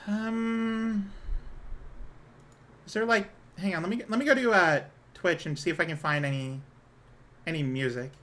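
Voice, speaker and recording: A woman with a low-set feminine voice chatting casually on a livestream, hesitant, apologetic and self-conscious in her manner. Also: fairly even intonation, a little slow, long pauses, fairly bright tone. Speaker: live streamer.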